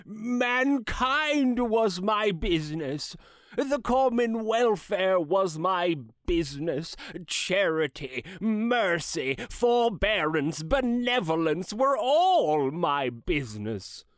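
A grave, sorrowful old spirit, played by a man, delivers each line slowly, as if every word weighs on him. The voice sits slightly high and rings smooth and clear. It is recorded close and dry. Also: sing-song, dry recording, full character voice. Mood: urgent warning. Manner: slow, grave, mournful pronouncements. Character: ghost of a dead old businessman, solemn and regretful. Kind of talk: dramatized classic story reading.

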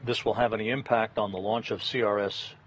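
A man giving live launch commentary from mission control in a halting, deliberate, matter-of-fact way. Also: lowish voice, steady tone, breathy edge. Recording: dull broadcast audio, faint noise.

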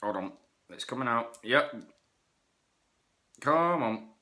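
A man's voice: mid-range voice, animated, takes it slowly, pushed and bright. A man with a cold, rambling through a casual toy review, stumbling and correcting himself as he goes. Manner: rambling, self-correcting, stumbles over words. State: has a cold, sniffling.

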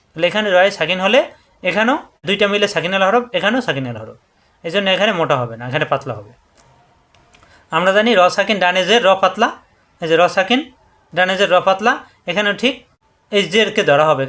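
A man teaching Quran reading rules. He explains step by step, and he drills syllables slowly and over again. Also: high-pitched, bright, forceful tone. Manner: slow, repetitive drilling of syllables. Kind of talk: tajweed lesson.

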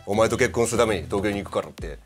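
Low, easygoing comedian. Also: male voice, very fast, over music. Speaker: comedian contestant. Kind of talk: comic storytelling.

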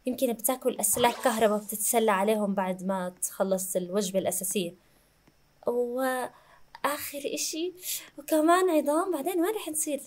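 A young woman giving chatty let's-play commentary, breaking into loud squeals and screams. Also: high-pitched. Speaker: gaming YouTuber.

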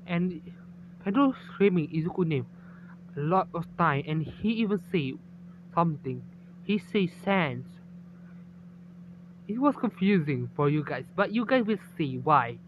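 A man narrating a fan story in a halting way, with frequent restarts. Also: fairly high pitch, lively intonation, phone-quality sound, a little hiss or hum.

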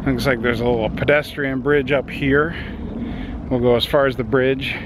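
A man's voice: medium pitch, steady tone, moderate pace. A middle-aged man chatting casually to a handheld camera while walking his dogs outdoors on a desert trail. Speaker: vlogger. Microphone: handheld camera at arm's length. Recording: outdoor traffic noise. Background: outdoor ambience with distant traffic.

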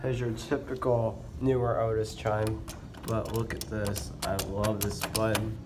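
A young man with a lowish voice hosts an elevator video channel, filming a mall elevator on a handheld phone camera and narrating the walkthrough himself. Enthusiastic yet slow and flat in delivery, he admires the fixtures and remarks to himself. The elevator is echoey, with faint ambience and background noise.

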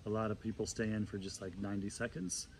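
A man in his forties with a fairly low voice talks casually to a camera while immersed in ice-cold water. He explains like a coach. The recording is outdoors, with light background noise and birdsong. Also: fairly even intonation, fast talker, gravelly, a little mellow. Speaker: breathwork and ice bath coach. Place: outdoor garden, in an ice tub. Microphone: camera a couple of metres away.

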